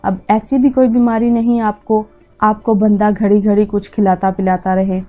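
A woman reading as a sulky, sharp-tongued young wife in a storybook tale, snapping back at her elders and defending herself. Her tone is soft and dark, with faint music underneath. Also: mid-range voice, little pitch movement, normal speed, natural voice. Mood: irritated.

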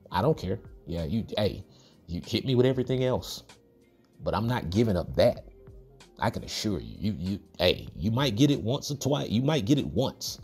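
Low husky-voiced man commentating gameplay. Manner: cocky, playful trash talk with chuckles. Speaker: Madden video game tutorial host.

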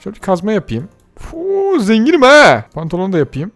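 A man giving excited let's-play commentary, gasping and exclaiming as he talks to his viewers and himself. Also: high voice, brisk, gravelly, faint music behind. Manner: excitable, gasps and shouts at surprises. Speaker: gaming youtuber.

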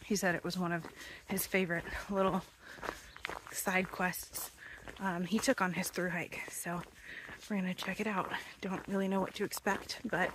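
Holding her phone out at arm's length, a young woman chats casually while thru-hiking through the woods, now and then short of breath on the ascent. Her lowish voice stays fairly flat at a normal speed against a noisy background.

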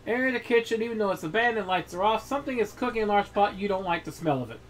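A man's voice: high-pitched, expressive, rapid-fire, slight background noise. A man streaming a horror game, reading its text aloud and joking with friends while cursing casually.

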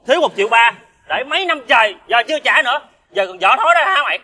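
An actor playing a hot-tempered, drunk male ex-convict, shouting indignantly in a TV crime drama. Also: a little high, animated, quick pace, breathy edge, full character voice. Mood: furious.

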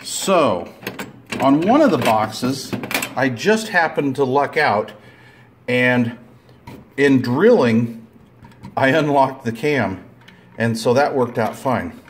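Man, mid pitch, casual DIY how-to, rambling and plain-spoken, camera mic with faint clicks behind. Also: lively intonation, takes it slowly, pauses often, a little hiss or hum. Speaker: DIY video maker. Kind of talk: casual hands-on tutorial. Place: indoors at a table, hands-on with tools.

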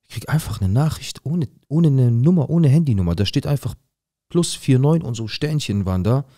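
A young man acting out a rough-talking, paranoid drug dealer who tells his own story in a dramatic monologue full of slang and swearing. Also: mid-range voice, lively intonation, normal speed, dark tone, dry recording, clean studio sound, natural voice. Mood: tense. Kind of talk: dramatic first-person monologue.

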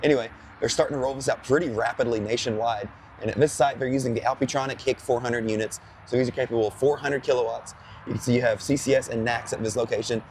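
A hoarse man who is losing his voice, co-hosting outdoors at a charging station in a chatty, rambling way. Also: mid-range voice, steady tone, quick pace, darkish tone, slight background noise. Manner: chatty, rambling, full of fillers. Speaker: co-host. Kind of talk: casual explanatory chat.

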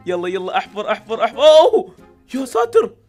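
Excitable, fast Iraqi Arabic woman gamer. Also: a little high, faint music behind. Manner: excitable, laughing, shouty exclamations. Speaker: gaming channel host. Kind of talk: excited game commentary.

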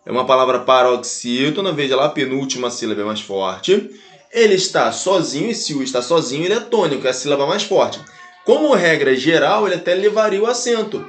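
A man's voice: on the high side, brisk, faint music behind. A Brazilian man with a Brazilian Portuguese accent teaching an online grammar lesson, talking straight to his students and spelling out each example again and again. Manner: animated, addresses students directly, repeats and spells out examples. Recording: echoey room.

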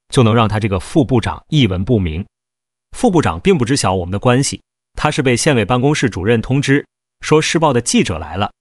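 A man tells a long first-person story in a steady, even storyteller's read. His voice sits at a middle pitch. The recording is close and dry, with no room sound. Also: no room sound. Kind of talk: first-person novel narration.

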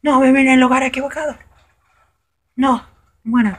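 A man giving casual live commentary over his own gameplay, excitable and prone to high shouts when things go wrong. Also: moderate pace.

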